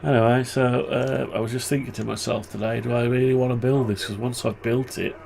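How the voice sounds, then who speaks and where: A man's voice: medium pitch, steady tone, fairly quick, gravelly, darkish tone, a little hiss or hum. A man with a muffled, blocked-nose voice, tired and stuffed up with flu, rambling as he thinks aloud through a casual hobby tutorial. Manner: rambling, muttering to himself. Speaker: hobbyist presenter.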